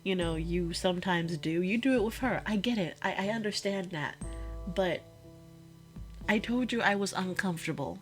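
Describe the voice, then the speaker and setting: In an intimate one-sided audio roleplay, a woman plays a girlfriend confronting her boyfriend, sounding hurt, exasperated and firm. Her voice sits on the low side, close to everyday speech, as she talks emphatically and haltingly, repeating herself over faint background music.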